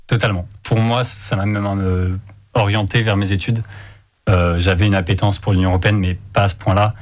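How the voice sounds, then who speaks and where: A young man with a low, flat voice answers radio interview questions. He hesitates often and fills pauses as he talks. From France. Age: young adult. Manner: hesitant, many fillers. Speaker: student interviewee.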